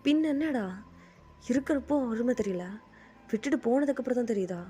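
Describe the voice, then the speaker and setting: A woman's voice: fairly high pitch, unhurried, mellow, soft background music, close to an everyday voice. A woman voicing a blunt young male friend who teases and scolds his crying buddy. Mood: scolding.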